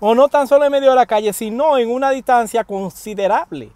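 Sitting in the driver's seat of a parked car, a man with a fairly high voice offers casual news commentary, talking fairly quickly and animatedly and making emphatic pleas straight to his viewers. A wired earphone mic captures dry, close sound with no echo.

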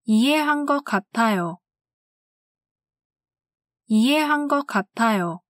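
A woman teaching language, reading classroom phrases slowly and carefully and saying each one twice. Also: fairly high pitch, expressive, dry recording, clean studio sound. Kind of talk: scripted phrase drill.

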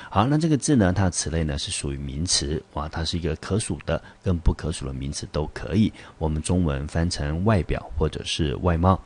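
A man's voice: very deep voice, darkish tone, a little hiss or hum. A man teaching an English vocabulary lesson, explaining each word patiently, with frequent fillers and repeated phrases.

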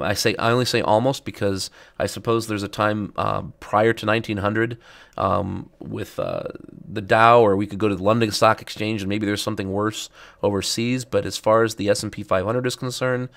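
A middle-aged man hosting a finance podcast, speaking casually with many ums, his voice raspy and a little stuffed up after illness. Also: on the low side, a bit bright. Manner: chatty, many ums and uhs. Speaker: podcast host, financial advisor. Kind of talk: casual educational podcast talk.

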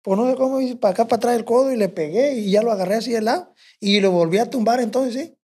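Very high and fast, the man's voice is mellow yet husky, with the accent of Sinaloa, Mexico. He's a guest on a podcast, casually telling a drawn-out, meandering story full of profanity and quoted lines from himself and others.

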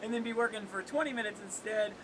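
A young man hosting an outdoor workout, joking and counting down for viewers in a seaside cave. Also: fast talker. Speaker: workout host. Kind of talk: casual workout coaching. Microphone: camera on tripod at a distance. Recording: noisy outdoor recording with wave rumble.

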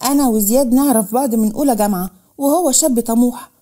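A woman's voice: a little high, fast, warm tone, lightly acted. A woman voicing a headstrong Egyptian girl in love. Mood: eager. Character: Ghazal, impulsive young woman in love.

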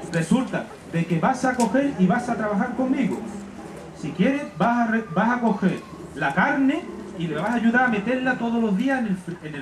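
A man voicing a gruff adult male butcher who scolds sternly and then strikes a deal. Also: high voice, noisy background. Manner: stern, bargaining tone. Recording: echoey room from a distance, crowd behind.

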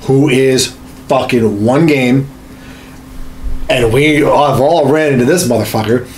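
Profane, emphatic and repetitive, a male podcast host in his thirties talks games casually from a small home studio room. He speaks slowly in a mid-range, darkish voice, and a faint hiss or hum is audible.

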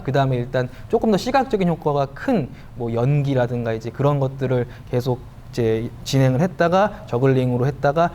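A man's voice: mid-range voice, a little mellow. A man who works as a musician, giving explanatory answers in an interview. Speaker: musician in a performance troupe. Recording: faint background noise.

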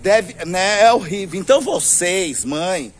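Flamboyant high-voiced gossipy Brazilian man. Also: expressive, a little slow, a little hiss or hum. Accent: Brazilian Portuguese. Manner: flamboyant, gossipy, laughing often, lots of slang address. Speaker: vlogger. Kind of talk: casual storytelling to camera. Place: outdoors on a street.

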